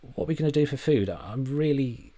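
A man's voice: mid-range voice, lively intonation, a little fast, mellow, voice pushed up, close to an everyday voice. A man voicing a hapless, childlike young Englishman who talks in a flustered, whiny way.

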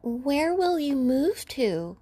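A woman doing a plucky high young shepherd. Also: big pitch swings, slow pace, dark tone, heavily acted. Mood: earnest.

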